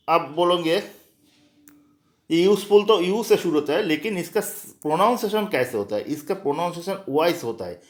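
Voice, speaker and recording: A male teacher explains grammar rules for exam students, repeating example words one by one. His voice sits a little high. He speaks slowly and patiently.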